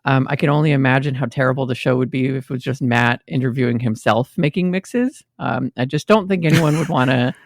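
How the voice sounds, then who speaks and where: A man's voice: medium pitch, brisk, vocal fry, few pauses, dry recording. Chatty male podcast co-host, dry sound. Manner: friendly, chatty, with many filler ums. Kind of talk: casual chat.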